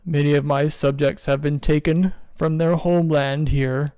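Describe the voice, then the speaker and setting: A man voicing a huge, stately male penguin king who speaks slowly and solemnly in a tabletop game. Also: a little high, level tone, clear, resonant tone, dry recording, lightly acted. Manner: slow, solemn and loud.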